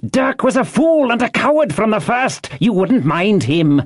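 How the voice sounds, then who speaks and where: A man's voice: medium pitch, sing-song, slow, fairly bright tone, pitched above the performer's own voice, full character voice. A man voicing a savage old blind pirate leader in an audiobook, roaring and cursing commands. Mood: furious, desperate. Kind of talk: audiobook character voice.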